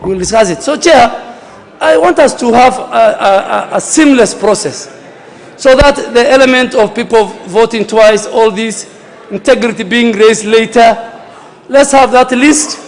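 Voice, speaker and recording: Very high-pitched male lawmaker, reverberant chamber. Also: unhurried. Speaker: member of parliament debating from the floor. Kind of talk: parliamentary floor speech.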